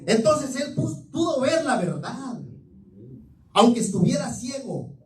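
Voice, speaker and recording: A male preacher with a high voice that swoops up and down as he tells a story with fervent, dramatic emphasis. He is recorded from a distance in a roomy, echoing church, so his words ring off the walls. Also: very animated, slow pace. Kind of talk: sermon. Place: church sanctuary. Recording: echoey room, mic far off.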